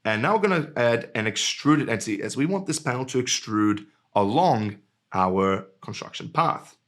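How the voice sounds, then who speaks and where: A man walking through a screen-recorded software tutorial in a relaxed, jokey way. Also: mid-range voice, moderate pace. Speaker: software trainer.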